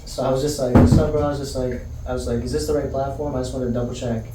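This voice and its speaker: A man's voice: medium pitch, level tone, very fast, heavy background noise. A young man telling a travel story in casual, slangy chat, full of "bro" and "like". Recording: echoey room, distant mic, faint ambience.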